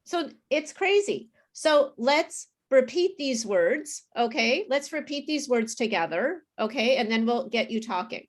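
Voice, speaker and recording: Brief: woman pronunciation teacher, friendly, slightly high voice, frequent check-ins. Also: lively intonation. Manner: friendly, explains slowly and checks understanding with okay. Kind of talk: live online group class.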